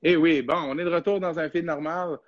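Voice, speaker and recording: A young man with a Québécois French accent hosts a casual podcast, rambling through his thoughts with plenty of hesitations. His voice sits on the higher side, and the recording is dry and dull, like a lo-fi live stream. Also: steady tone, brisk, no echo. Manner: chatty, rambling, hesitant with many fillers. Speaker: podcast host.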